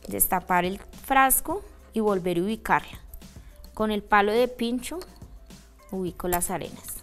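With soft music faintly in the background, a woman whose voice sits at a middle pitch shows how to make a handmade craft one step at a time. As the instructor, she frequently stops to check that viewers are keeping up, asking "¿listo?" again and again.

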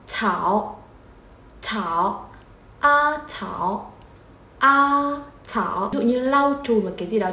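A woman teaching pronunciation, drilling syllables slowly and repeating them for learners. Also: mid-range voice, echoey room. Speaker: Chinese teacher. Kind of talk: pronunciation lesson.

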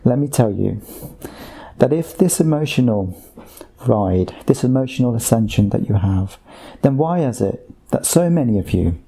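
A man speaking under hypnosis as a channeled voice, slow and repetitive, addressing listeners like a sermon. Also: mid-range voice, animated, mellow, husky.

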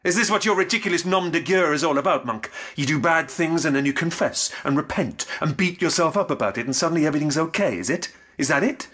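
A man's voice: on the high side, expressive, quick pace, few pauses, fairly bright tone, breathy edge. An actor playing a sarcastic, grief-stricken alien grandfather in an audio drama, intense and brooding. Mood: scornful anger. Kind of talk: full-cast audio drama acting.

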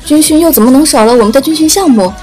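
Fast-talking woman narrating a show promo. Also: high-pitched, a little mellow. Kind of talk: scripted trailer narration for a youth variety show. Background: background music.

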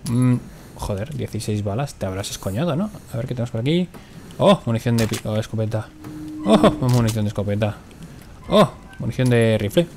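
A man's voice: medium pitch, a little fast, slight background noise. A man from Spain with a Spanish accent, commenting on his own game and swearing a lot when he gets nervous in fights. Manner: swears often, jumpy and excitable in fights. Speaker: gaming commentator. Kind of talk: let's play commentary.

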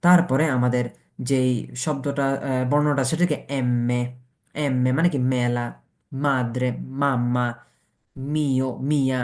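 A man's voice: medium pitch, fairly even intonation, a little slow, long pauses, a little mellow. A man teaching a beginners' language class, going letter by letter and asking and answering his own questions. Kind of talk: Italian pronunciation lesson taught in Bengali.

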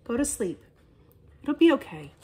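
A woman voicing a small, worried young fox in a children's story, calling out in a high voice. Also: sing-song, a little slow, a little mellow. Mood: sleepy soothing.

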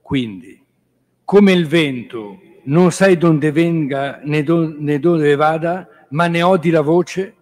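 Slow, measured priest giving a reflection. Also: male voice, a little high, a little mellow. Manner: measured and reflective, restating points with 'cioè'. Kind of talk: spiritual reflection on scripture.

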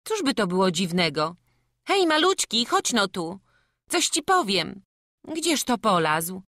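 A woman reading an audiobook voices a brisk peasant woman, a village wedding guest with rustic folk speech. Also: medium pitch, very animated, pushed and bright, no room sound, clean studio sound, voice pushed up, exaggerated voice. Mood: coaxing.

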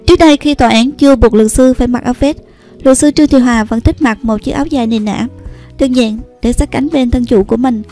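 A woman narrating a scripted news report in a steady, even read. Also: fairly high pitch, fast talker, soft background music. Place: voice-over recorded apart from the pictured places.

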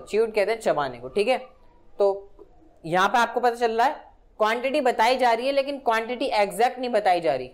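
A woman teaching English grammar in Hindi. She reads English examples slowly and often stops to ask whether the point is clear. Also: mid-range voice. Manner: explains in Hindi, reads English examples slowly, asks frequent check-in questions. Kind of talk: classroom-style grammar lesson.

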